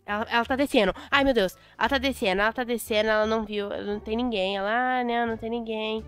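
A young adult Brazilian woman commentating a Roblox game, chatty and excitable, repeating words in bursts. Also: a little high, fast, smooth. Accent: Brazilian Portuguese. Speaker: Roblox gameplay host. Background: faint music.

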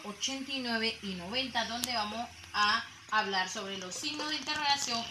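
A woman teacher giving a lesson to young children, patiently repeating each point. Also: a little high. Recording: echoey room with faint noise.

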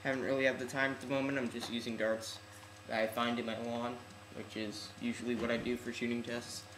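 A teenage young man talks offhand to a webcam at home, his articulation slightly affected by braces. His pitch is ordinary for a male voice. The room echoes around him and clear noise sits in the recording. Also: flat delivery, fairly quick. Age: teens. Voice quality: slightly odd articulation from braces and palate expander. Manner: offhand, slangy. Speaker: hobbyist video host. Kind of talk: casual unscripted vlog demonstration. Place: large room at home, indoors. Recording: echoey room, noisy webcam-style audio.

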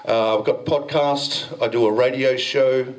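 With a steady, unhurried mid-range voice, a middle-aged man presents at a blockchain meetup, cracking cheeky jokes about himself and bantering with attendees. He uses a handheld mic in a dim event room, and the recording quality is low.

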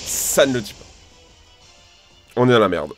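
A man giving gameplay commentary, excitable, loudly exclaiming and complaining as he plays. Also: mid-range voice, moderate pace, soft background music. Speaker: gaming YouTuber.

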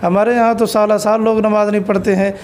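A man's voice: high-pitched, level tone, fairly quick, a little mellow. A man who is an Islamic cleric, answering an interview question with an earnest, exhortative sermon and stories.

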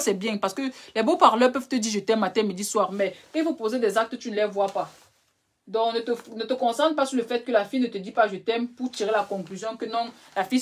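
Fast-talking, high-pitched woman giving blunt advice. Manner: direct, scolding, addresses viewers as brother and darling. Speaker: live-stream relationship advice host. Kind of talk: live Q&A answering viewer questions.

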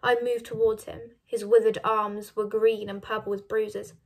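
A woman reading a novel aloud, measured and dropping soft on narration. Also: medium pitch, level tone, gravelly. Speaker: reader of a novel.

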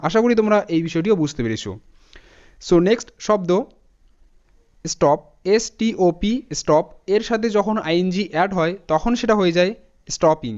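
A man with a high, resonant voice works through a spelling lesson, spelling out each word letter by letter in a patient, steady way. The recording is slightly dull and lo-fi. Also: clean tone. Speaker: English teacher. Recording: dull lo-fi audio.

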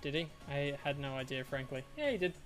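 Live-stream gamer, boastful and hyped, very animated pitch, mid-range voice. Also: fairly quick, faint music behind. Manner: excitable, boastful, swears freely. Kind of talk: casual live-stream chat while gaming.

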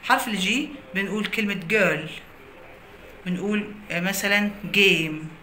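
A woman's voice: medium pitch, normal speed, sharp tone. A woman with an Egyptian Arabic accent teaching an English pronunciation lesson, explaining phonics rules through many example words. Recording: echoey room with faint noise.

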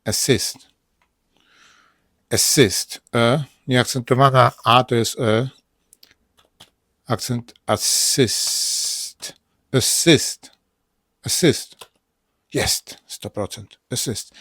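A man with a Polish accent runs a casual pronunciation lesson at a very slow, drawn-out pace. He sounds out English words several times each and breaks them into their sounds. The room sound is dry and close to the mic. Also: mid-range voice, breathy edge, no room sound. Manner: repeats words slowly, drilling them aloud.

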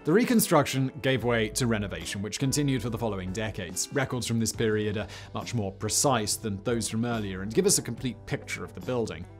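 A man's voice: fairly low pitch, lively intonation, brisk, few pauses, soft background music. A male host narrating a scripted history documentary, dropping in wry, sarcastic asides. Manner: wry, sarcastic asides with sudden loud outbursts.

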